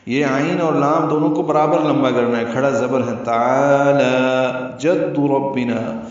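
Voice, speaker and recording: Male recitation teacher, methodical, chants verses slowly, muffled roomy sound from a distance. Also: mid-range voice. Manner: explains rules step by step, then chants verses slowly. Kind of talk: tajweed lesson with recitation. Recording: echoey, distant, slightly dull sound.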